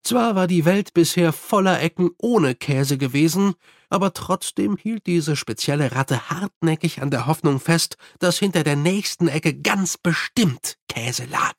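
A man narrating an audiobook in a steady storytelling manner. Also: fairly high pitch, unhurried, no echo, studio quality. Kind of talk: scripted narration.

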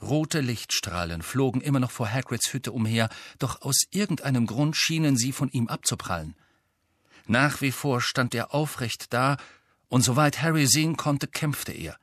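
Bright-voiced male audiobook narrator. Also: medium pitch, moderate pace, no room sound, studio quality. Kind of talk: scripted narration.

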